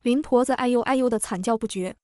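A woman narrating a novel recap in a fast scripted storytelling style, reading evenly and lightly voicing the characters. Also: on the high side, a little mellow, dry recording, clean studio sound.

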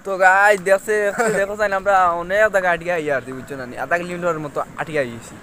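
A young man from the Sylheti-speaking Karimganj area of India vlogs on village roads, chatting casually to the camera and often repeating his phrases. His Sylheti-accented voice is high, bright and forceful, rapid-fire with fairly even intonation. The phone is held at arm's length, with music under the outdoor recording and slight background noise.

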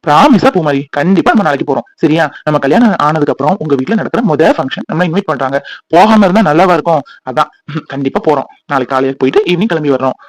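A playful young husband in a cartoon who teases his wife in a quick, slightly high voice, played by a man. The recording is dry and close. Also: expressive, no echo. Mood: gentle. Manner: mocking, teasing.

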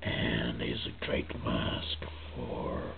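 A man speaking through a face mask as he shows off a costume mask. He talks in a halting, often whispery way. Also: a bass voice, monotone, creaky. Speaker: vlogger showing a costume mask. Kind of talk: casual show-and-tell. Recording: tinny phone-like sound with faint noise.

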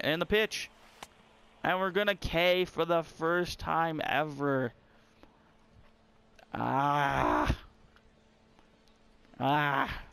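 A young man giving casual, excitable commentary while playing a baseball video game and talking to his viewers. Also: fairly high pitch, vocal fry, clean tone. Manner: excitable, talks to viewers and the screen. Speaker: gamer.

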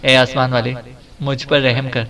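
A man voicing a superstitious male servant who whines and begs his boss in a mid-pitched voice. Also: flat delivery, unhurried, creaky, a bit bright, lo-fi sound. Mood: pleading. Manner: whining, begging.

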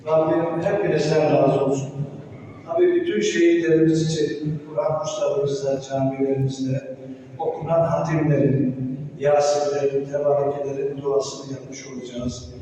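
A man leading a memorial prayer from the pulpit microphone of a mosque, speaking in solemn, measured phrases. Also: fairly high pitch, dark tone, distant mic. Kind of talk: sermon and prayer. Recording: echoey mosque hall, voice from afar, faint noise.

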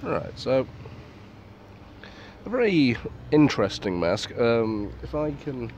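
A man's voice: mid-range voice, big pitch swings, takes it slowly, a little mellow. A man giving a casual, unscripted review, with understated delivery, swearing and muttered asides. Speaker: military surplus gas mask reviewer. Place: outdoors in a garden at night. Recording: clearly noisy outdoor recording.

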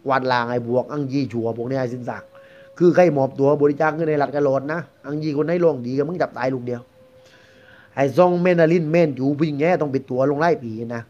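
A man's voice: mid-range voice, fast talker, mellow. A man with a Southern Thai accent telling a ghost story in a chatty, rambling, conversational way. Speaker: guest storyteller. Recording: dull lo-fi recording.

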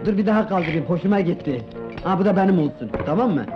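A man's voice: high voice, expressive, fast talker. An actor playing a naive, easygoing young man who talks back casually. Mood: cheeky. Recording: dull old film soundtrack with music.

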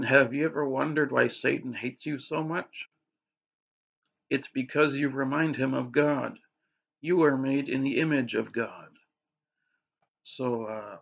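A man's voice: medium pitch, a little slow, vocal fry, fairly bright tone. A man vlogging casually about faith, rambling with restarts and filler words. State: hiccups. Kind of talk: casual religious monologue to camera. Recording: dull lo-fi audio.

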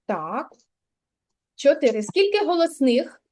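A woman preschool teacher giving a kindergarten literacy lesson, prompting the child with slow, clear instructions. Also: high voice, big pitch swings, darkish tone.

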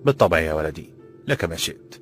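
A man voicing a calm, kind old bookseller who speaks formal classical Arabic, in a slightly raised voice. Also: low voice, quick pace, breathy edge, soft background music, heavily acted.

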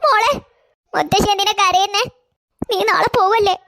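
Woman doing a high, tearful cartoon grandmother. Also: normal speed. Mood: sad. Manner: gentle, coaxing. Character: tender grandmother, tearful and self-sacrificing. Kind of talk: cartoon voice acting.

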